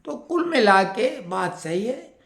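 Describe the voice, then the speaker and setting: A woman's voice: fairly high pitch, big pitch swings, takes it slowly, vocal fry. A woman hosting an informal news commentary for pensioners. She speaks conversationally, explains things at length and addresses her viewers directly. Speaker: channel host speaking to pensioners. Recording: echoey room.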